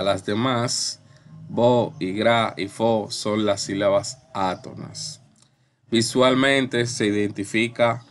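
A man teaching at a slow, unhurried pace. His voice has a gravelly edge, and he talks patiently, repeating key points and posing questions before answering them himself. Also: on the low side. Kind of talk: slow classroom explanation.

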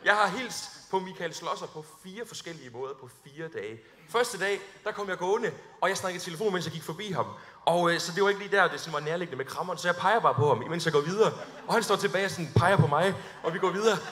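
A young man preaching to an audience in a big hall, his voice high and bright, with a long echo trailing after each phrase. He tells funny stories about himself and acts out his awkward moments before turning earnest. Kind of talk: sermon with humorous stories.

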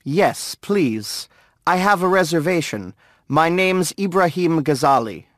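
A man playing a hotel guest on a family vacation in a scripted textbook dialogue, polite and unhurried. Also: a little high, animated, a bit bright, no echo, studio quality, heavily acted.

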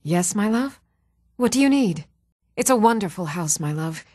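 Voiced by a woman, a composed townswoman from a fantasy realm delivers scripted video game lines in an even, measured tone at middling pitch, close to an everyday voice. The recording is completely dry, with no room sound at all.

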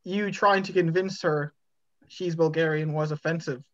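A man's voice: a little high, fairly even intonation, moderate pace, highs cut off. A young man co-hosting a podcast, telling a story with an easy, wry manner over a video call from home. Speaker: podcast co-host. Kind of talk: casual chat. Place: room at home.

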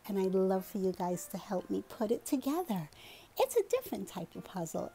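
Female children's presenter, slow and high-voiced, encouragingly teaching a little child to count, music behind. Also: dark tone. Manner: encouraging, simple child-directed talk. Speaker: presenter of toddler learning videos.

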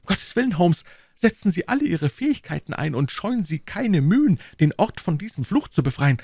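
A frantic, pleading headmaster. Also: male voice, big pitch swings, moderate pace, a little mellow, dry recording, clean studio sound, heavily acted. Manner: high-pitched, agitated, pleading. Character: frantic, breathless middle-aged male school headmaster. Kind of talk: audiobook reading.

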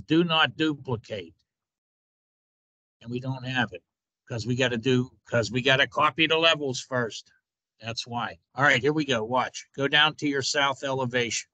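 A man in his fifties, an instructor talking through a screen-recorded software tutorial in an informal step-by-step way, sitting at a desk in a small room. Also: a little high, no echo.

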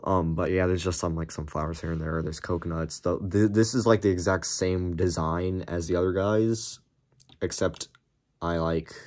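This is a young Lego YouTuber doing a casual show-and-tell of a toy build, recorded by a camera filming his hands over a desk at a table in a small room. His deep voice is cracked and slightly hoarse. He rambles, with many fillers and restarts.

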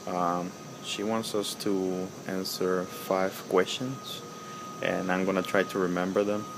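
A pipe-smoking video blogger in his thirties from El Salvador records a casual video reply outdoors beside a house, speaking slowly into a close webcam in a low, level voice. He halts often and fills the gaps with ums and uhs, while an air conditioner hum and outdoor noise remain clearly audible.

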